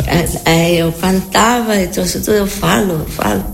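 With faint music behind her, an older woman from Argentina speaks at a normal speed in a lowish voice with vocal fry. She's a native Spanish speaker with an Argentine accent, reminiscing as an interview guest, often repeating herself and seeking agreement.

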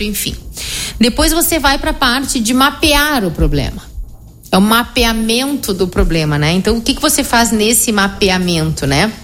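A middle-aged woman psychologist, explaining her method in an animated conversational interview, often tagging her sentences with "né?". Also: on the high side, a little hiss or hum. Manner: explanatory, animated, frequent "né?" tag questions.

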